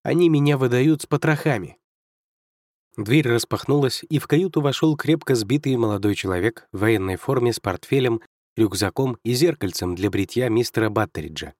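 Male audiobook narrator, steady, measured, dry close recording. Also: on the low side, no room sound. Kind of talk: scripted narration.

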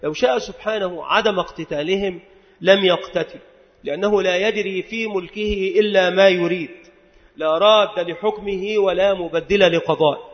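A man with a fairly high voice teaches a lesson on creed and grammar. He explains point by point and poses questions that he answers himself. The recording sounds dull and lo-fi, and his voice rings with the long reverb of a large hall. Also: fairly even intonation. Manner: recites quoted verses more slowly. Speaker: religious teacher.

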